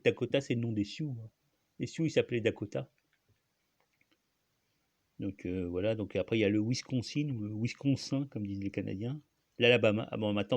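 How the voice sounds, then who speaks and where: A low-pitched man talks on his own in a loose, rambling way. He stops and restarts his sentences often and fills the gaps with "hein" and "euh". The sound is dry and close, with no room around it. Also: creaky, a little mellow, no echo. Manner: rambling, hesitant, many restarts and fillers. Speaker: host. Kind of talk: casual solo monologue.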